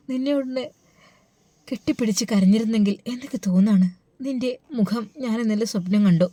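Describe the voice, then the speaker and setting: A woman's voice: mid-range voice, mellow, no echo, lightly acted. A woman doing a tender anxious older mother. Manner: tender, pleading, affectionate. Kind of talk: storybook dialogue.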